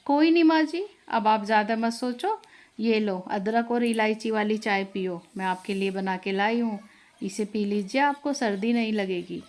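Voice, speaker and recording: A woman's voice: medium pitch, normal speed, a little mellow, lightly acted. A woman voicing a caring, anxious young daughter-in-law in a storybook tale, speaking earnestly. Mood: tender.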